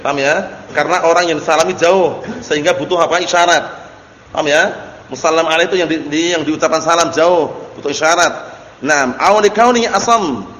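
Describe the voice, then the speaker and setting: Teaching a religious study class, this Islamic teacher works through Arabic text and often quizzes his students. He speaks briskly in a slightly high, somewhat bright voice, captured in an echoey hall with a little faint noise.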